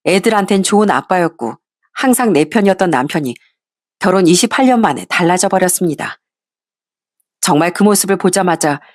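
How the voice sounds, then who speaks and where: A woman narrating her own story in the first person, in a measured, confessional way. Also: on the low side, no room sound, clean studio sound.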